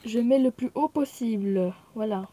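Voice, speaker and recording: Une jeune femme originaire de Thaïlande, bavarde et dispersée, pleine d'hésitations et d'excuses, filmée au téléphone dans son appartement. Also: female voice, fairly high pitch, moderate pace, dark tone, a little hiss or hum. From Thailand. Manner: chatty, scattered, lots of fillers and apologies. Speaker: vlogger. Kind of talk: casual chat to camera. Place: apartment room at home. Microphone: phone held in hand.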